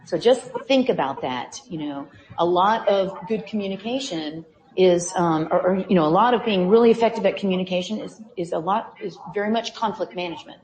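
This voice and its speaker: A woman's voice: on the low side, a little fast, a little mellow. A woman giving a conversational conference talk, telling stories with many fillers and asides. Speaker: presenter. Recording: echoey hall.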